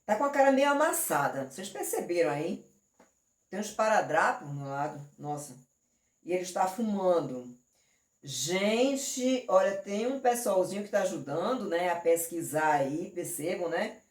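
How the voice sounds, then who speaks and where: A Brazilian woman teacher with a Brazilian Portuguese accent, reviewing an exam in an animated, affectionate way and using many diminutives. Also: on the low side, measured pace. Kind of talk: online exam review lesson. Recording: roomy and distant from the mic.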